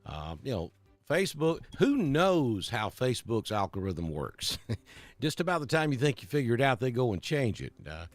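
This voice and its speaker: A man's voice: medium pitch, big pitch swings, moderate pace, no echo. A middle-aged weatherman talks in a loose, friendly way on a live stream, calling out viewers by name. His voice rises and falls a great deal. The sound is dry and close, with faint music underneath. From Alabama. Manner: chatty, greets viewers by name. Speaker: weather broadcaster.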